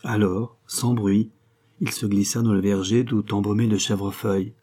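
Husky low-voiced male narrator. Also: level tone, moderate pace, dark tone. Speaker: audiobook narrator. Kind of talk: literary audiobook narration.

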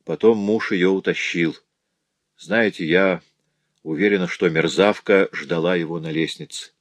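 A man's voice: deep voice, unhurried, no echo. A man voicing a poor, grieving woman who tells of her husband's cruelty in a sorrowful, pleading way.

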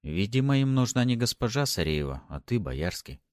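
A man's voice: lowish voice, big pitch swings, normal speed, dry recording, clean studio sound, voice pushed up. A man reading an audiobook, voicing a serious, frowning male partner. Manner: earnest, stern.

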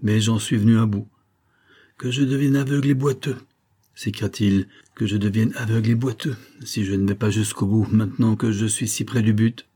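A man voicing a sick, exhausted and vengeful male vagabond who speaks gruffly and bitterly. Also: lowish voice, steady tone, normal speed, mellow.

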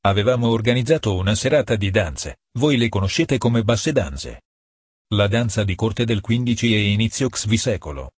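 Un uomo legge un audiolibro con tono calmo e misurato, voce bassa e leggermente roca. Il suono è asciutto e vicino al microfono, senza riverbero. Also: male voice, moderate pace, slightly rough, dry recording, studio quality. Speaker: narrator. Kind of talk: audiobook narration.

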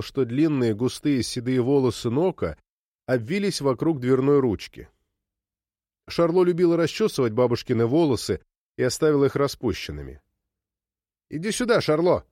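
A man narrates a story with an expressive, lively pitch that rises and falls through the sentences. His voice sits in a middle register, recorded close and dry with no room sound. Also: moderate pace, dry recording. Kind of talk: scripted narration.

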